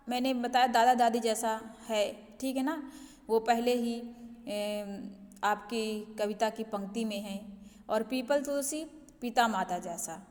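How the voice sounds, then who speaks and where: High-voiced woman teacher, reverberant sound. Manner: repeats "ठीक है ना" as a check-in with pupils; mixes English words into Hindi teaching. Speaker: school Hindi teacher. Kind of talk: online class lesson explanation.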